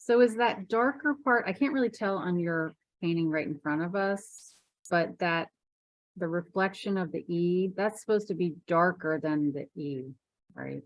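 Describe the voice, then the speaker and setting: A woman's voice: fairly low pitch, normal speed, no room sound, poor audio. A woman taking part in a painting class, asking a careful clarifying question. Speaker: class participant.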